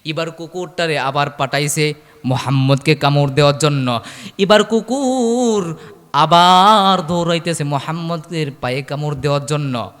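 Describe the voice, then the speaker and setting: A man preaching a sermon, telling a story in a chanted, repetitive way with loud exclamations. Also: fairly high pitch, unhurried, in a large hall. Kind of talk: Bengali waz sermon storytelling.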